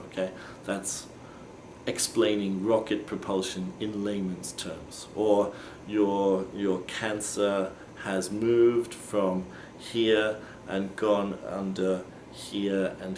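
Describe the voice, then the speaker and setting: A man teaching English phrases, explaining slowly and patiently and acting out example questions. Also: deep voice, background noise. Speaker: language teacher. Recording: echoey room with faint ambience.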